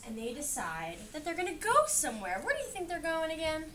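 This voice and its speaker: An American woman reads a picture book aloud with a child, chatting, asking questions, and encouragingly echoing the answers. Her high, bright voice swoops wildly in pitch at a slightly fast pace, captured by a distant microphone in a noisy room.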